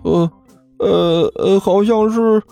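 A man's voice: sits high, slow pace, gravelly, warm tone, faint music behind, pitched above the performer's own voice, heavily acted. A male narrator voicing a meek young male apprentice who stammers and answers hesitantly in an audiobook story.

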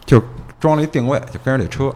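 A man's voice: medium pitch, fast, warm tone, a little hiss or hum. A man with a Beijing accent tells a story casually in conversation, in colloquial language, repeating phrases and checking that listeners follow. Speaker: guest recounting police investigations.

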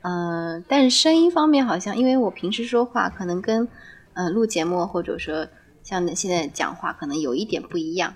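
A woman from Wuxi who works at a hospital, a podcast guest talking softly and a little hesitantly. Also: fairly low pitch, lively intonation, normal speed, husky. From Wuxi, Jiangsu. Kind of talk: casual chat.

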